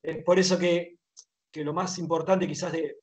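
A man's voice: a little high, little pitch movement, normal speed. A man in his thirties from Argentina with an Argentine accent, a guest on a video call on a headset, explaining things and checking that he is understood. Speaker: guest author. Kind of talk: casual video-call interview. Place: home room with toy shelves.

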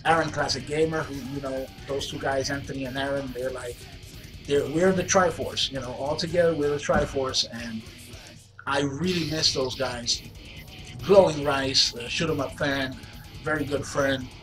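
A man in his fifties with a congested, stuffed-up voice rambles through a webcam update for his gaming channel's viewers, full of fillers and restarts. He has a mid-range voice at a moderate pace, recorded in low quality on a desk webcam in a small room with a wood-panel wall. Guitar music plays in the background.

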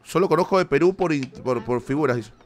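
A man's voice: on the high side, quick pace. A man from Peru with a Peruvian Spanish accent, commentating a live stream as he thinks aloud and yelps when things go his way.

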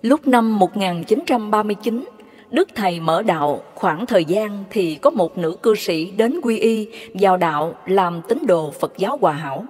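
A woman narrating devotional stories in a measured, reverent way. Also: mid-range voice, animated, a little mellow. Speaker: storyteller. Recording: long hall reverb.

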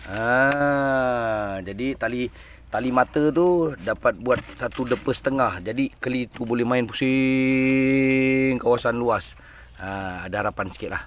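Speaking a little slowly at medium pitch, this middle-aged fishing vlogger with a Malaysian Malay accent keeps up a chatty, laughing commentary out on a river in a small boat. He likes to tease his companion, and there's slight background noise.

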